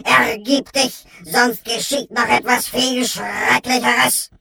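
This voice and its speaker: A man voicing a bossy parrot who booms police-style warnings through a megaphone in a children's audio story. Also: fairly even intonation, slow, creaky, sharp tone, far from the mic, heavily acted. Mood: commanding. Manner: booming police-style announcement.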